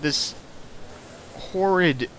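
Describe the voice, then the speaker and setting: On a home streaming setup, a man with a high, slightly bright voice and drawn-out words reads fan fiction aloud and mocks it. His commentary is sarcastic and exasperated, and he slips into mock voices. The audio is poor, with slight background noise.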